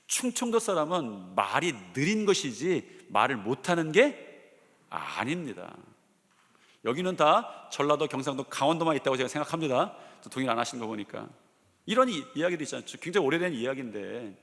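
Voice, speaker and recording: Male senior pastor from Chungcheong, lively sermon delivery, acts out quoted voices, long church-hall reverb. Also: fairly high pitch. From Chungcheong, Korea. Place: large church sanctuary.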